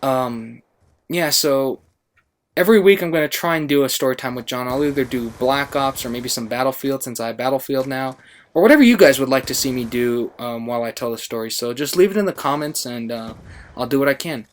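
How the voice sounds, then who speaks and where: An American man from a gaming channel casually tells a story while playing, rambling and frequently cutting himself off. His voice is medium-pitched and fairly quick.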